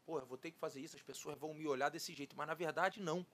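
A man's voice: on the high side, racing, a bit bright. A man in casual podcast talk, thoughtfully explaining his point of view.

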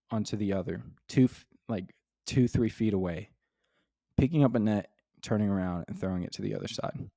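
A man's voice: on the low side, warm tone, no room sound, clean studio sound. A young man hosting a casual faith podcast from his dining room, talking enthusiastically and rambling with lots of fillers. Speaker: podcast host. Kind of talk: casual devotional podcast talk.

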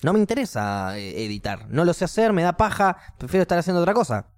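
A man's voice: on the high side, big pitch swings, fast talker, no echo. A man with a Rioplatense accent hosting a podcast, chatting casually and bluntly, swearing freely. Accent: Rioplatense Spanish. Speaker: podcast host. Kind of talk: casual chat.

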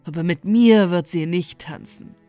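A lovesick young student from a bedtime storybook, lamenting over a lost love in a dreamy, lower voice, as a woman reads him. Soft music plays faintly behind. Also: unhurried, close to an everyday voice. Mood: longing. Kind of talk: storybook reading.

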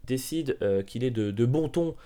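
Deadpan man telling absurd comic stories. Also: medium pitch, normal speed. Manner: deadpan absurd storytelling with provocative asides. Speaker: podcast host. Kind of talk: comedic podcast monologue.

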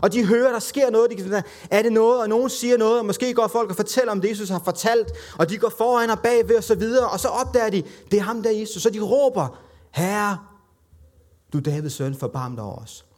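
Man, high voice, sermon, conversational, self-deprecating, acts out quotes. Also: few pauses, darkish tone. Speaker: preacher.

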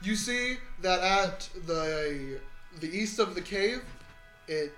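High-pitched man running a tabletop game. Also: animated, slow pace, a bit bright. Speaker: game master. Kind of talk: casual tabletop game narration. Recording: roomy, faint music behind.

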